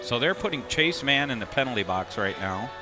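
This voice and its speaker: A man giving amateur play-by-play commentary on a youth hockey game, calling the action quickly and with rising excitement. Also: mid-range voice, over music.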